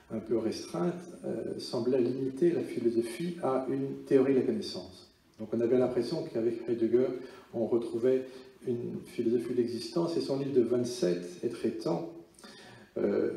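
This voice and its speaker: Homme au timbre très sombre, conférencier hésitant. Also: male voice, medium pitch, dark tone, a little hiss or hum. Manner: hesitant, halting delivery with pauses mid-phrase. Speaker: philosophy lecturer. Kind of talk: academic lecture. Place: conference room with strong reverberation. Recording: very echoey hall, muffled and distant.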